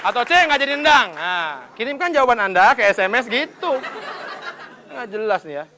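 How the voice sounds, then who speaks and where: A young man works a stand-up set with a chatty, teasing delivery. His voice sits unusually high for a man. Audience chatter and steady noise surround him on a live stage mic. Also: normal speed. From Bekasi, Indonesia. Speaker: stand-up comedian. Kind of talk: stand-up routine. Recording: live show with crowd and noise.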